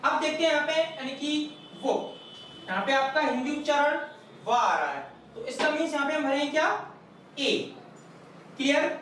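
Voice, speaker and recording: A male teacher giving a patient, step-by-step lecture and repeating each point slowly. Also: very high-pitched, lively intonation, pushed and bright. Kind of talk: classroom lecture. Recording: very echoey room, far from the mic, faint noise.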